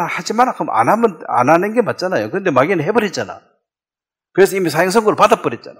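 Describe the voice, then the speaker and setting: Animated pastor preaching. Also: male voice, sits high, breathy edge. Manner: animated, acts out voices. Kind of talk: sermon.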